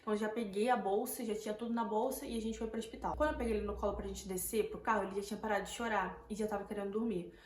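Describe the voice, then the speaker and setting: A woman's voice: medium pitch, steady tone, rapid-fire, few pauses, a little mellow. A young woman with a Brazilian Portuguese accent, retelling a tense night to her viewers in casual, emotional storytelling that keeps repeating words. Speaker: vlogger. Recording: echoey room, faint background noise.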